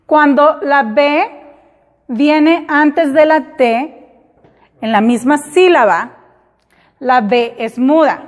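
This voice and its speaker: Slow-spoken high-voiced woman teacher. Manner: explains slowly, repeating example words in English. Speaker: English teacher. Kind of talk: classroom lesson. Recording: hall reverb.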